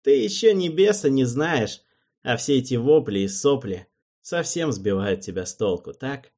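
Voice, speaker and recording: A man reading an audiobook, voicing a cold, cunning advisor who speaks in a deliberate, icy manner. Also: medium pitch, animated, a little mellow, voice pushed up. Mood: coaxing.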